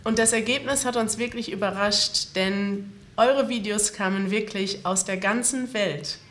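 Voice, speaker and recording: A woman's voice: medium pitch, fairly even intonation, measured pace, a bit bright. A woman hosting a language-learning channel, speaking to her viewers in an earnest, heartfelt way about being moved. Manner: earnest, emotional, reflective. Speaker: host.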